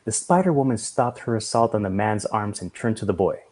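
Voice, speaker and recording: A man reading a story aloud in a measured storytelling manner. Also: fairly low pitch, expressive, a little mellow. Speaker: reader.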